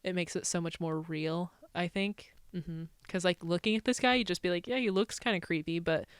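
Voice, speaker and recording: A young woman of college age co-hosts a podcast in casual chat. Her voice is smooth and clear, with a dry, close sound, and she talks in a chatty way, laughs often and fills her talk with "like.". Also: lowish voice, fairly quick, no room sound. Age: college-age young adult. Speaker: podcast co-host.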